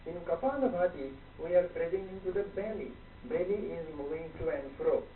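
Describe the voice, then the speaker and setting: A man's voice: on the high side, brisk. A man giving a yoga breathing demonstration in terse, clipped instructional phrases. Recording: distant, echoey, noisy phone-like playback.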